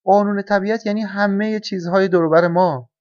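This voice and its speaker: A man's voice: sits high, steady tone, a little mellow, no echo, pitched above the performer's own voice, natural voice. A man voicing a stern, bored old male crow in a storybook reading, speaking in a lofty, insistent way. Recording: dull, dry lo-fi recording.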